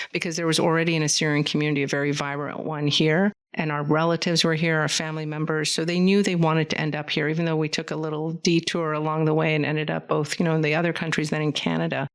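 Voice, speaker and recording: A low-voiced woman with vocal fry from California's Central Valley appears as a podcast guest in a studio interview. She leads a community foundation and talks conversationally, fluent and earnest, rambling as a storyteller would.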